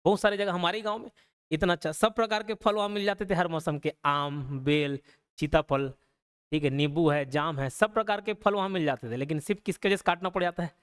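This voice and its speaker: High-voiced man teaching, slow and repetitive. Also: a bit bright, clear, resonant tone. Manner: repeats words slowly, frequent "ठीक है" checks. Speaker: online exam-prep teacher. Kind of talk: explanatory lecture. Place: online class.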